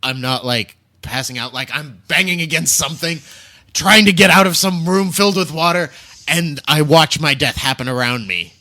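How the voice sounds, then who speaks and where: A man's voice: a little high, normal speed, bright, forceful tone. A man co-hosting a podcast in casual chat, joking and profane, rambling through stories. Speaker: podcast co-host.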